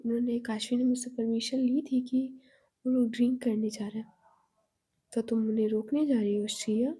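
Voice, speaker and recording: A woman voicing a gentle, indulgent grandmother who talks in a soft, coaxing, reassuring way. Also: a little high, fairly even intonation, moderate pace, husky.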